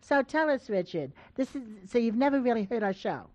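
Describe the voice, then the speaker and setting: A woman's voice: on the high side, very animated, a little fast, darkish tone, dry recording. A woman hosting a radio call-in show, chatting casually and teasing her callers in a coaxing way. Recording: dull lo-fi radio broadcast sound.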